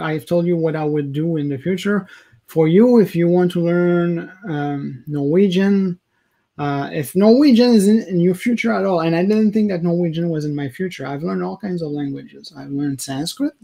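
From a small indoor home office, a man whose native language is French rants casually to camera as a video blogger. His voice is higher-pitched, gravelly and darkish, and his speech is halting as he searches for words and self-corrects.

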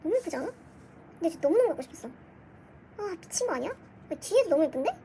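A very high-pitched young woman chatting to camera in a dim room at home, gasping and squealing with delight as she unboxes. Faint background noise hums under her voice. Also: racing. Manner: gushing, excitable, gasps and squeals. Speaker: vlogger. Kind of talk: casual unboxing chat.

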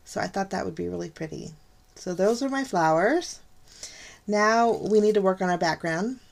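Speaking at a normal speed in a mid-range, expressive, somewhat creaky voice, a middle-aged woman narrates a casual card-making tutorial for her channel. She chats through every step with lots of ums and light laughs, gushing over how pretty things look, as an overhead camera at the craft desk shows her hands.

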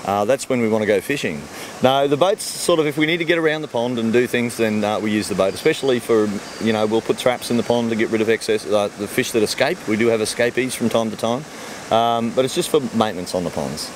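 This middle-aged Australian man, who runs a fish farm, talks fast in a medium-pitched voice while answering questions outdoors next to his ponds. Easygoing and plain-spoken, he uses everyday comparisons to explain things, speaking into a handheld mic the interviewer holds, with slight background noise.

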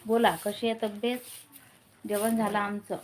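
A woman's voice: mid-range voice, flat delivery, a little slow, slight background noise. A woman with a Vidarbha Marathi accent hosting a casual live stream from home on her phone, urging viewers to comment. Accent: Marathi from Vidarbha region. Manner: urges viewers to comment, chats with family off-camera.

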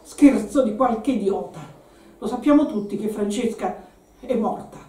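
A woman's voice: fairly high pitch, unhurried, mellow, natural voice. A woman reading aloud, voicing an anxious, edgy grown man who talks brusquely, recorded in a roomy space from a distant mic. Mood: tense.

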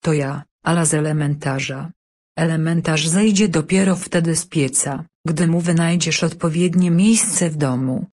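A woman's voice: low-pitched, moderate pace, a little mellow, breathy edge. A woman voicing a young girl from a school primer who patiently teaches manners. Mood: instructive.

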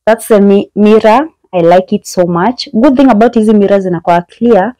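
Recorded on a handheld phone in low quality, a young Kenyan-accented woman briskly shows off a small bedsitter room. Her medium-pitched voice has a dark tone, the sound is dry, and her chatty, admiring narration blends English and Swahili slang.

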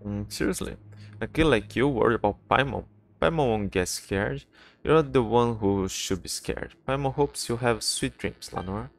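A man's voice: medium pitch, moderate pace, lightly acted. A man reading the lines of a cheeky little female companion who boasts, teases and talks about herself in the third person, with faint game music behind. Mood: teasing.

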